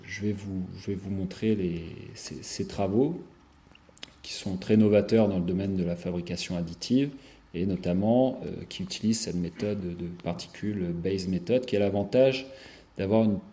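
A man giving a recorded lecture over slides, speaking haltingly with frequent fillers and restarts. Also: deep voice, warm tone. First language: French. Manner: hesitant, many fillers and restarts.

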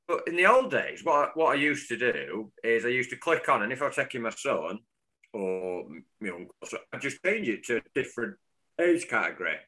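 Man, bright forceful voice, casual rambling podcast chat, joking. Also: lowish voice. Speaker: podcast co-host. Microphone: remote call, cuts out.

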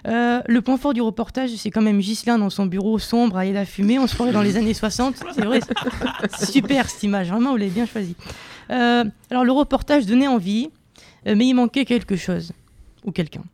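A man's voice: extremely high pitch, fairly quick, a little mellow, a little hiss or hum. A young man delivering a comic opinion column on student radio, mock-boastful and self-mocking, with many hesitations, into a studio microphone. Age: young adult.

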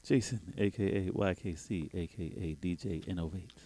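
A man's voice: sits low, normal speed, dark tone, dry recording. A man co-hosting a podcast, chiming in with casual banter. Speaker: podcast co-host.

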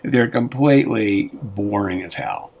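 This radio co-host has a fairly low, gravelly, slightly rough voice that's a little mellow, and he speaks unhurriedly. His casual chat meanders loosely, full of fillers and restarts.

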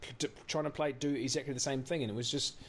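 A man's voice: mid-range voice, steady tone, fast, a bit bright. A man giving blunt, sweary opinions as a casual sports co-host. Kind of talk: casual rugby league commentary.

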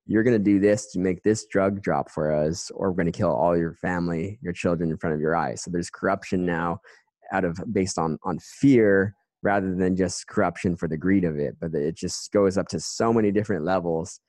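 A man hosting a casual interview, speaking haltingly with many restarts and "um"s. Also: deep voice, steady tone, darkish tone, dry recording, clean studio sound.

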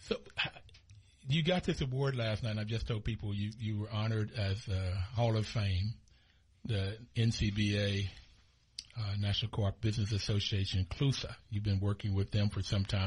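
A man's voice: on the low side, fairly even intonation, moderate pace, breathy edge. A man hosting a radio talk show, a little out of breath and enthusiastic, speaking in a studio. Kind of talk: radio interview.

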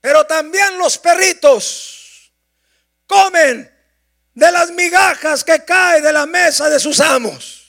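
A male preacher voicing a desperate mother who begs loudly for her sick daughter, in a sermon retelling. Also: extremely high pitch, slow pace, vocal fry, voice pushed up, full character voice. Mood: pleading. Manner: pleading, shouting.

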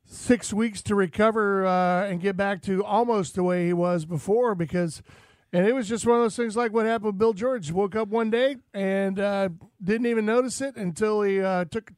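A man's voice: sits high, steady tone, normal speed, darkish tone, dry recording. A man hosting a casual radio show, bantering in a jovial, rambling way. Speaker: radio host.

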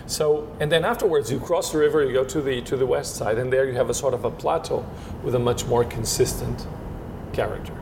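Halting and descriptive, this Portuguese winemaker, whose mother tongue is Portuguese, answers interview questions while often restarting and reaching for words. A steady noise floor and low rumble are audible.

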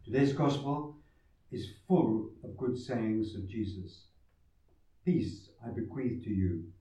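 A man, a priest, reading the Gospel and preaching in a slow, measured liturgical way, his voice carrying a cathedral echo. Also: fairly low pitch, animated, warm tone. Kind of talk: Gospel reading and homily at Mass. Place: large church. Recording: echoey church, voice far from mic, muffled.

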